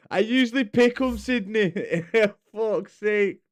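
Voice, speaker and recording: A British man hosting a stream and commentating on racing games in an emphatic, laddish way, mixing race calls with casual chat. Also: very high-pitched. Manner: excited, emphatic calling of race action, laddish. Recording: music behind the voice. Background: music.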